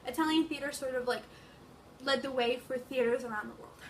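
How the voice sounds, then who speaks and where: A woman's voice: sits high, fairly even intonation, fairly quick, slight background noise. A young woman giving a casual, hesitant class presentation, with many fillers. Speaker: student presenter.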